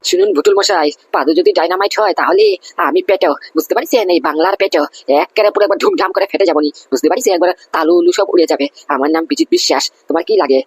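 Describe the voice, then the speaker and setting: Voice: mid-range voice, very animated, very fast, gravelly, breathy edge, no room sound, exaggerated voice. A performer voicing a boastful, scheming middle-aged man in a cartoon comedy, lecturing and asking "understand?" again and again.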